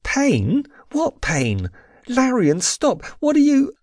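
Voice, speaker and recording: A man voicing a haughty, spoiled young princess in an audiobook, with shrill, indignant protests. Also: huge pitch swings, moderate pace, darkish tone, dry recording, studio quality. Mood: frightened. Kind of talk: audiobook character voice.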